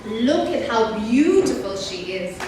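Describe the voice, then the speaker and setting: Speaking slowly in a fairly high, sing-song voice, a guest speaker and mentor talks to young people in a big, reverberant church, telling stories in a conversational way and addressing them directly. Born in Nairobi, Kenya, she spent part of her upbringing abroad. Captured by a distant mic in a very echoey hall, the audio carries faint noise.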